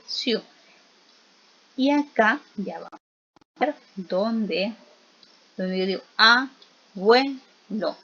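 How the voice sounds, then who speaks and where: A woman teacher giving a recorded lesson, explaining slowly and patiently and stressing each example word. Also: mid-range voice. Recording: slightly dull lo-fi audio.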